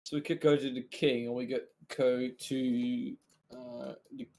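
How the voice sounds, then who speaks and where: A man's voice: mid-range voice, fairly even intonation, unhurried, darkish tone, slight background noise. A man talking casually as a player in a tabletop role-playing game.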